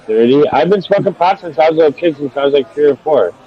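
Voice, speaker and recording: A man's voice: on the high side, expressive, fast, muffled recording. A man hosting a live stream, chatting casually with loose, profane banter.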